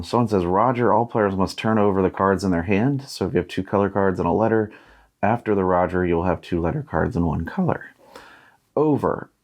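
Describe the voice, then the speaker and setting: A board game unboxing host in his thirties, with a deep and somewhat mellow voice, gives easygoing commentary, musing aloud and reading out pieces as he goes.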